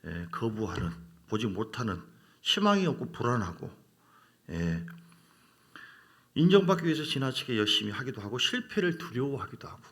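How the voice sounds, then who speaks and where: A middle-aged pastor preaches a sermon at a moderate pace in a gravelly voice of ordinary male pitch. His pitch leaps and dips throughout as he swings animatedly from hushed lines to sudden loud exclamations.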